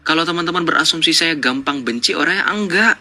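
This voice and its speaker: A man with a very bright, forceful, piercing voice hosts a live debate stream. He lectures and needles his callers, firing rhetorical questions and scoffing at their answers. His tone stays combative and sure of itself. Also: fairly high pitch, fast.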